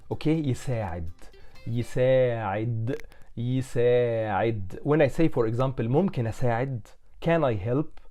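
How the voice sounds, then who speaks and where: A man's voice: mid-range voice, warm tone. A man with an Egyptian Arabic accent, a native Arabic speaker, giving a beginner language lesson in English with Arabic examples and repeating words for the learner. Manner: repeats words and phrases for the learner, often checking with okay. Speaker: language teacher.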